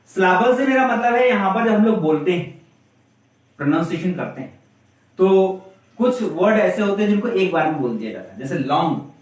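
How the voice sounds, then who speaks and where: A male teacher giving a classroom grammar lesson, asking the class questions and then answering them himself. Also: high voice. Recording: very echoey room, voice from a distance.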